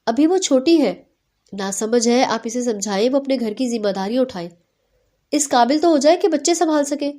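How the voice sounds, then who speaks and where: A woman's voice: high voice, expressive, mellow. A woman voicing a proud, short-tempered young husband who talks in harsh, scolding bursts. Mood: gentle.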